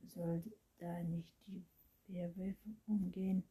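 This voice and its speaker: A woman's voice: lowish voice, little pitch movement, slow, mellow, husky, full character voice. Timid startled boy, voiced by a woman reader. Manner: hesitant, startled questions. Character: timid wondering human boy. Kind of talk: storybook reading.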